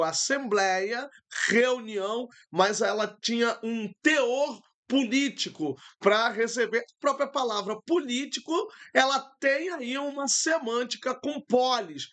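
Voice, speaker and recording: A middle-aged Brazilian man, a pastor and Greek teacher, giving a patient, explanatory online Bible lesson over a computer mic, pausing often with fillers. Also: very high-pitched, fairly bright tone. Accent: Brazilian Portuguese.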